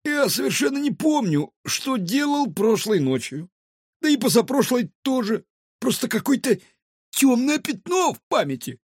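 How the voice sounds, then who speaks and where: This is a scruffy male street cat in a storybook, a petty thief full of whiny protests. The voice is very high and bouncy, with a husky edge. It is recorded dry and close. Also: very animated, no echo, exaggerated voice. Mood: chatty. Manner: squealing, indignant, fast protests. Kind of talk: audiobook character voice.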